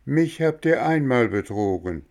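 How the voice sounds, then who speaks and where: A man's voice: medium pitch, animated, unhurried, a little mellow, pitched above the performer's own voice. A man voicing a young wooden puppet boy who speaks firmly and lectures in proverbs, in a storybook reading. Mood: stern scolding. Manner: firm, scolding.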